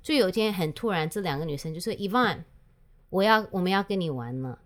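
A woman's voice: lowish voice, animated, quick pace. A woman telling a personal story in casual chat, slipping English words and phrases into her speech. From United States. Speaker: guest.

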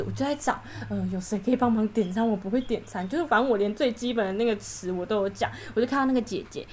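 A young woman chatting as a podcast guest, telling stories with lively energy and acting out what her coworkers said. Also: mid-range voice. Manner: animated storytelling, acts out coworkers' lines. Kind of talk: casual podcast chat.

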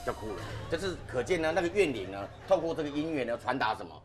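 Faint music sits behind a man with a slightly high, quick-paced voice and a Taiwanese Mandarin accent. As the podcast host, he tells ghost stories to a panel with casual, animated drama.

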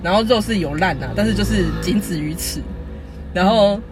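A podcast co-host with a Taiwanese Mandarin accent, telling stories in animated casual chat and laughing often. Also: medium pitch, normal speed, over music.

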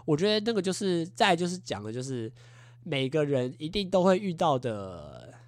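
A man in his twenties hosting a podcast, telling a story in a casual, animated way and acting out what people said with little sound effects. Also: fairly high pitch, moderate pace, dry recording. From Taiwan. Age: 20s. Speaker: podcast host.

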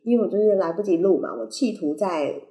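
A woman's voice: mid-range voice, fairly quick, warm tone. A woman with a Taiwanese Mandarin accent and slightly unclear articulation from wearing braces, hosting a casual solo podcast in a rambling, playful, self-correcting way. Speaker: podcast host. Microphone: compact condenser microphone plugged into a phone. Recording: roomy, echoey sound on a compact microphone.

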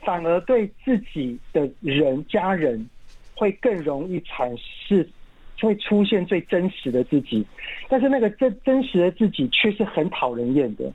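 Taiwanese-accented man, parenting expert guest, steady and earnest, slightly muffled recording. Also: high-pitched, moderate pace. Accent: Taiwanese Mandarin. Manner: calm, earnest explaining with everyday examples. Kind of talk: casual podcast interview. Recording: muffled lo-fi sound.

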